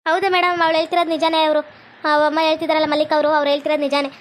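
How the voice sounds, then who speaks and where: A woman's voice: high voice, level tone, racing, a little hiss or hum. A woman, scolding and threatening as a stern police officer in a village comedy skit. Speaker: comedy sketch creator playing a police officer.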